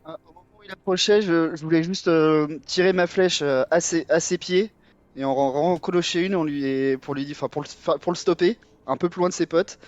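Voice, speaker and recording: A man's voice: fairly high pitch, steady tone, fairly quick, no room sound, highs cut off. A man playing a tabletop role-playing game, describing his actions in a rambling, hesitant way. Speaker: player. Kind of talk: casual tabletop game talk.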